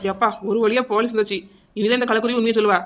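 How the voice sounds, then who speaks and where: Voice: medium pitch, little pitch movement, rapid-fire, over music, close to an everyday voice. A voice actor playing a pushy, complaining village neighbor in a cartoon, heard from off mic.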